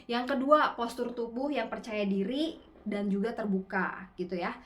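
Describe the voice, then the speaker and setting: Lively Indonesian-speaking woman trainer. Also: a little high, normal speed. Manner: lively rising and falling intonation; gestures constantly with her hands. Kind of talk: online webinar talk.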